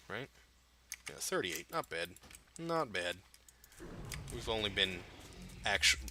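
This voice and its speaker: Sharp-voiced man swearing through gameplay. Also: fairly low pitch, slight background noise. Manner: profane, jokey, talks to the game characters. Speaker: gameplay commentator. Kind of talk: casual playthrough commentary.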